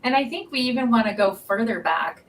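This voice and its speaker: A woman's voice: a little high, expressive, a little fast. A woman speaking thoughtfully on an online panel, with light jokes and occasional ums. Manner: thoughtful, joking lightly, with fillers. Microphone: video call. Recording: distant video-call mic with faint background noise.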